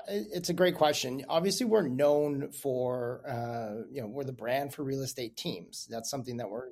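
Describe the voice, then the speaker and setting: A man speaking as a guest in a podcast interview, relaxed and conversational with many fillers. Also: on the high side. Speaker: guest, company director. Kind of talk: casual interview chat.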